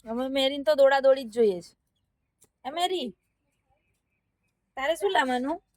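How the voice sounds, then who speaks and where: Mom vlogger, high and dry, chatty, coaxing her kids with questions. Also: lively intonation, normal speed, a little mellow, dry recording. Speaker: vlog host and mother. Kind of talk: casual family vlog chat.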